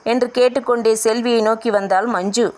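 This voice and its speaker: A woman's voice: a little high, steady tone, fairly quick, darkish tone. A woman reading a family novel aloud as an audiobook narrator, voicing the dialogue in her own voice.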